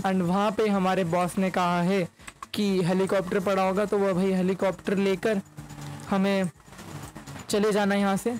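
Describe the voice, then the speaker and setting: The audio is poor as a young man, a gaming YouTuber, gives relaxed gameplay commentary in a Hindi-English mix. He speaks close to a mic in front of his face, his voice sitting high with a darkish tone.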